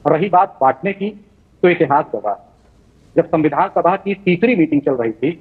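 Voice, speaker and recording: A man's voice: on the high side, animated, moderate pace, breathy edge. A man arguing as an opposition spokesperson in a TV debate, insistently recounting historical anecdotes. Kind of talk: debate argument. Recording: phone-like remote audio line.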